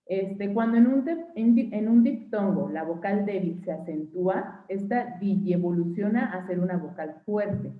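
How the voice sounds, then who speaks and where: A woman's voice: mid-range voice, expressive, measured pace, hardly any pauses. A young Mexican woman teaching an online phonetics class, patiently spelling out examples and checking in with her students every few sentences. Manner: checks in with frequent "¿sí?" and "¿va?". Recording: tinny phone-like line.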